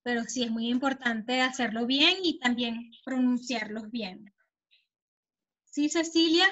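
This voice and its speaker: A woman with a Venezuelan accent gives an online Spanish class, her fairly high, sharp-toned voice moving a little slowly. She explains with patience and makes sure the students keep up, heard through a computer mic on a video call with muffled audio.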